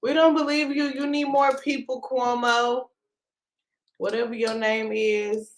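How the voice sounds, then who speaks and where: Exasperated woman live-streamer, slow slangy drawl, roomy echo. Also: on the high side, flat delivery. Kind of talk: casual live-stream commentary.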